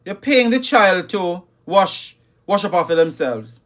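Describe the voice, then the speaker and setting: A man's voice: high-pitched, expressive, measured pace, a bit bright. A man hosting a live talk on parenting, emphatic and scolding, repeating his key lines and reading viewer comments. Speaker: livestream host.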